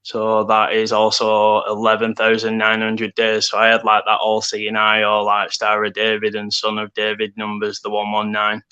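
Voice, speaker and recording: A man in his thirties in casual chat, rambling excitedly about number connections. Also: fairly low pitch, moderate pace, few pauses, clean tone, lo-fi sound. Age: 30s.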